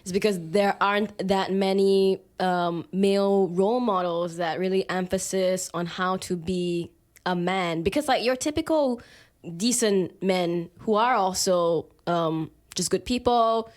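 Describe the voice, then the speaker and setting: A woman's voice: medium pitch, a little slow. A young woman co-hosting a podcast, thoughtful with a dry wit. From Singapore. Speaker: podcast co-host. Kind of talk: casual chat.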